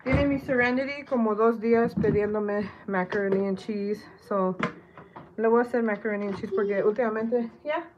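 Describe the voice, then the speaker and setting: A woman's voice: mid-range voice, fairly even intonation, normal speed. Woman host, casual cooking livestream, self-deprecating chatter, a little nervous; phone on a tripod, somewhat muffled audio with light background noise. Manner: chatty, self-deprecating, greets viewers by name. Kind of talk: casual live chat while cooking. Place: home kitchen.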